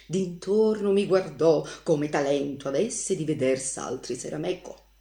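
A woman reading classic epic verse aloud in a slow, solemn recitation. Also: low-pitched, creaky, warm tone, reverberant. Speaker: reader.

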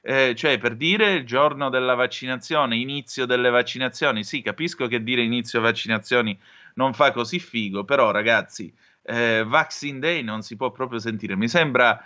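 A man's voice: mid-range voice, normal speed, sharp tone, lo-fi sound. A man from Calabria reading news aloud, then giving opinionated personal commentary and appealing directly to his listeners. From Calabria, southern Italy.

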